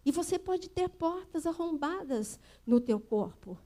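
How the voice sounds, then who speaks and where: A Brazilian woman pastor giving a sermon at a church service, telling a personal story in an earnest way that builds to forceful emphasis. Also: very high-pitched, animated, measured pace.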